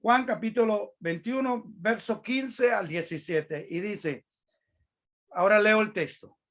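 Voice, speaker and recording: A preacher delivers a sermon in a measured, teaching manner. The pace is slow and unhurried, and the voice sits at a middling pitch. Key phrases are repeated as each point is drawn out. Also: a bit bright. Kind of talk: sermon, explaining a Bible passage. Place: church.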